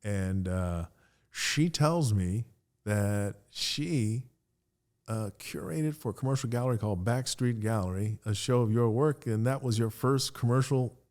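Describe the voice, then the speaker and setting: A man's voice: mid-range voice, measured pace, darkish tone. A man hosting a casual interview, asking questions hesitantly with many fillers. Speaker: podcast host.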